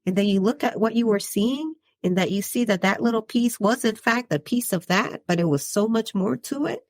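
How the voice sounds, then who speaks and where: A woman from the Dominican Republic hosts her own podcast, her voice fairly high-pitched with a darkish tone and moderate pace. The studio-quality recording has no room sound. She muses aloud in a reflective, conversational monologue, tagging points with "right?" and chuckling between thoughts.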